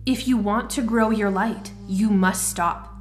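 A woman voicing a wise, stern female mentor in a storybook reading, speaking in a calm, firm, measured way. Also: medium pitch, faint music behind, lightly acted.

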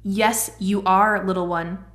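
Woman voicing a stern, calm old mentor woman. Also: medium pitch, soft background music. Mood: firm, calm. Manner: calm, firm, measured. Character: wise, stern older female mentor. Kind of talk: storybook reading.

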